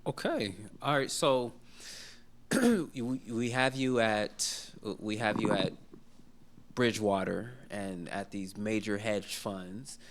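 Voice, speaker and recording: A man moderating a fireside chat, asking measured questions and giving short affirmations. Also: on the low side, lively intonation, a little hiss or hum. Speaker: interviewer, moderator.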